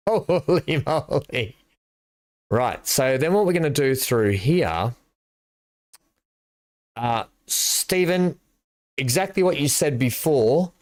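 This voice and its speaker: A man's voice: mid-range voice, no echo. A middle-aged man, chatting and thinking aloud while he streams a building game live. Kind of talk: live gameplay commentary.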